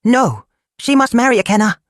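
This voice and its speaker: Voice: medium pitch, sing-song, normal speed, dry recording, clean studio sound, pitched above the performer's own voice, lightly acted. Furious bitter stepmother, harsh scolding, storybook folktale, read by the narrator.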